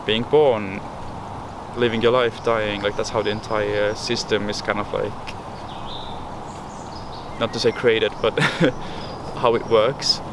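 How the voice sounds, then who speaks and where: A young man from Estonia talks over loud traffic and air-conditioning hum, reflecting slowly with many fillers and restarts. His voice sits fairly low and stays flat. He answers an interviewer in a loose, searching way. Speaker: research interviewee. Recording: loud background noise, urban outdoor hum.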